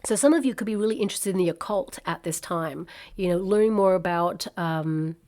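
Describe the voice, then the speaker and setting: Seated indoors at a table spread with cards and crystals, a woman gives a casual tarot reading to camera, chatting loosely, reassuring her listeners and filling pauses with ums and asides. Her fairly low, slightly mellow voice moves a little fast and sounds a bit croaky from an oncoming cold.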